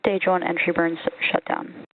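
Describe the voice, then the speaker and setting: Controller on the radio loop: terse procedural calls, flat delivery, narrow crackly radio sound. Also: medium pitch, normal speed. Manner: clipped, flat, businesslike. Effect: tinny crackly radio loop heard over the broadcast. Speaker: launch controller. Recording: narrow phone-like radio channel.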